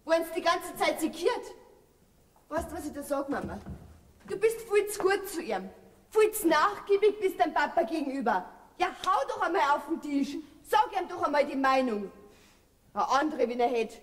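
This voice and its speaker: An actress with a Bavarian accent playing a cheeky, rebellious grown daughter in a folk theater comedy. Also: female voice, sits high, very animated, normal speed. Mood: goading. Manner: pert, egging on. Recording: stage recording in a hall.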